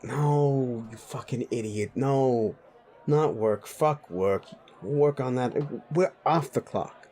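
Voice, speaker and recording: In an immersive roleplay audio drama addressed to the listener, a man plays a sleazy, bullying, foul-mouthed werewolf boss. His medium-pitched voice is slow and dark, and he comes across as cocky and teasing, blunt and needling.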